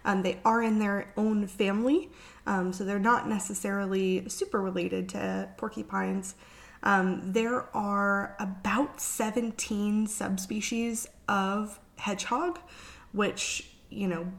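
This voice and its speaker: A woman talks casually to her podcast listeners as a veterinarian. She is ill and sounds drained, nearly hungover. Her medium-pitched voice moves along haltingly in a weary, informal way. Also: vocal fry. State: sick with flu-like illness, worn out. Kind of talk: casual solo podcast talk.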